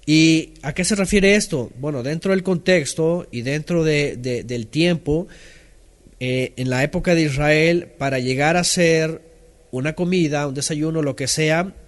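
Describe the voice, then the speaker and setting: A male Bible teacher explains scripture in a conversational manner. His voice sits slightly high for a man, and he keeps asking his listeners whether they follow. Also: measured pace. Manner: conversational, checks in with listeners often. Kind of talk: teaching sermon.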